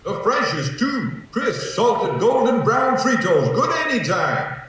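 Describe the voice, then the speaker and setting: A man voicing an old prospector miner in a slow, drawn-out 1950s advertising character voice. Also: high-pitched, big pitch swings, fairly bright tone, exaggerated voice. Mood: folksy, obliging. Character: old prospector miner Klondike, an animated mountain-dwelling vending figure. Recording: distant, very echoey archive character recording.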